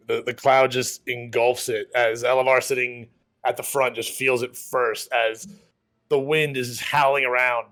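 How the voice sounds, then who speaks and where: A man's voice: mid-range voice, fairly bright tone. A man narrating a tabletop game as game master, describing the scene loosely with many fillers. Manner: rambling, filler-heavy description.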